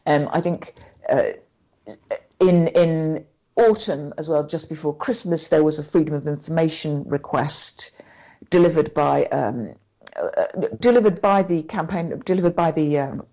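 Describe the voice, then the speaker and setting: Speaking in a low, mellow voice, a woman guest recalls events during a conversational interview. Her delivery is halting, full of stops and restarts.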